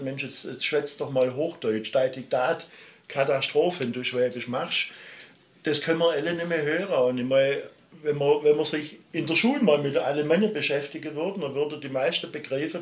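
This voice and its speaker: A Swabian-accented man of middle age, a musician from Baden-Württemberg in Germany, is being interviewed in an echoey room. His fairly high voice pours out long, fervent, emphatic answers full of digressions.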